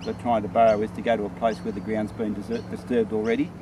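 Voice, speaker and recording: Quick and flat in delivery, a man with a lowish voice explains rabbit control out in the field, informal and practical, like a trainer teaching the job. He is a trapper and trainer on rural land, with clear outdoor rural background noise.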